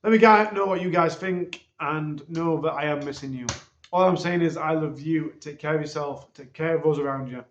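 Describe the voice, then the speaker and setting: A man, a channel host, giving viewers a casual, rambling update full of ums, recorded on a low-quality phone. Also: normal speed. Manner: hesitant, rambling, many ums. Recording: dull, roomy phone recording.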